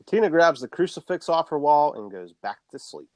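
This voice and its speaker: A man's voice: a little high, very animated, a little fast, no room sound. A man co-hosting a podcast, casually recapping a horror film plot and swearing freely.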